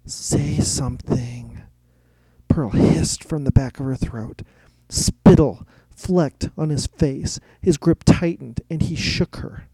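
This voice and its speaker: A man narrating a story in a steady, even reading style. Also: a little high, takes it slowly, few pauses, husky, no room sound.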